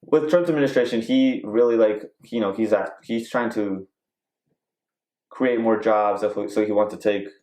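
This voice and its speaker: A man's voice: on the low side, moderate pace, a little mellow. A man co-hosting a casual chat show, rambling with lots of fillers and the odd joke. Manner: rambling, filler-heavy, joking. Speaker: podcast co-host. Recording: echoey room.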